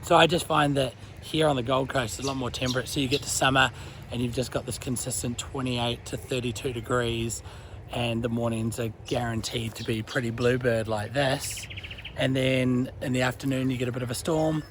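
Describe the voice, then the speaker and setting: Walking his dog beside a creek, a young Kiwi vlogger talks at a normal speed in a mid-range voice. His casual walk-and-talk delivery is easygoing and chatty, full of New Zealand slang, with slight hiss or hum in the background.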